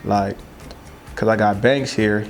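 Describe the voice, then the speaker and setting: Laid-back young man, flat low voice. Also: takes it slowly, slight background noise. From Southern California. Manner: loose, rambling, filler-heavy. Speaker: American football player. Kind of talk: casual interview talk.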